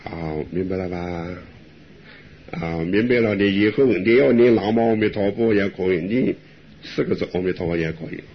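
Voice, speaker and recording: An older man, a monk, giving a gentle, chuckling Buddhist talk in an unhurried way. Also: deep voice. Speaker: elderly monk answering questions. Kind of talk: dharma talk with live interpretation. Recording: dull lo-fi recording with faint hiss.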